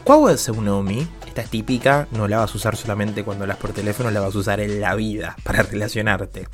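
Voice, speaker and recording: A man's voice: fairly low pitch, flat delivery, fast talker, over music. A man with a Rioplatense Spanish accent hosting a podcast language lesson, playful and jokey as he mixes two languages. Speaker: language teacher and podcast host.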